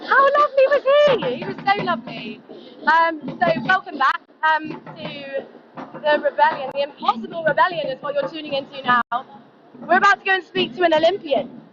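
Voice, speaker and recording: A woman's voice: sits high, normal speed, lo-fi sound. A woman hosting a live stream, reporting and interviewing in a casual way outdoors. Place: outdoors at a protest. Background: crowd noise.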